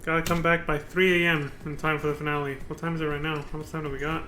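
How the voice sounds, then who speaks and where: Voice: mid-range voice, level tone, fast talker, sharp tone, faint music behind. A casual let's play host giving wry, chatty, sweary commentary on a game.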